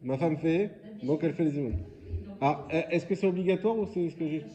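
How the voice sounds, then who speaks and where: A man's voice: fairly high pitch, brisk, dull audio, crowd noise. A man leading a religious quiz lesson, explaining informally and asking his students questions. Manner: informal, explanatory, asks questions then answers. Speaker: rabbi teaching a class.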